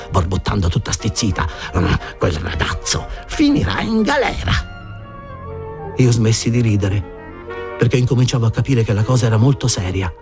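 A man reading a first-person story aloud, expressive and giving voices to the characters. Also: medium pitch. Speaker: audiobook reader.

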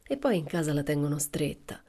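A woman's voice: low voice, sing-song, brisk, over loud music. A woman reading a cool, blunt young woman. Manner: cool, matter-of-fact.

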